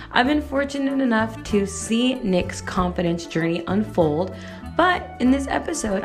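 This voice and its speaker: An upbeat, chatty woman hosts a podcast interview. Her voice sits at a middle pitch, and faint music plays behind her. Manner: upbeat, chatty, laughs easily. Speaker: podcast host.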